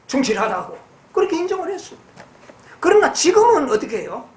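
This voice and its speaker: A woman preaching a sermon. She reads passages slowly and then explains them, asking her listeners questions and answering them herself. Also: high-pitched, sing-song, echoey room. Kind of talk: sermon with Bible reading.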